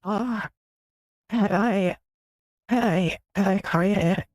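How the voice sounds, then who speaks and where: A woman streamer talking through a voice changer filter, halting and garbled as she rambles. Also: medium pitch, darkish tone, no room sound, studio quality, voice pushed down. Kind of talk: casual live-stream chat.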